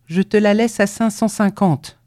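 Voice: mid-range voice, measured pace, mellow, no echo, studio quality, pitched above the performer's own voice, lightly acted. A reader voicing a sly peasant man who bargains tersely and grudgingly. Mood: bargaining.

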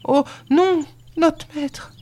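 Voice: level tone, drawn-out words, slightly rough, exaggerated voice. A reader voicing a frightened, tearful young farm servant girl who pleads and cries out. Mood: desperate. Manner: pleading, rising to high cries.

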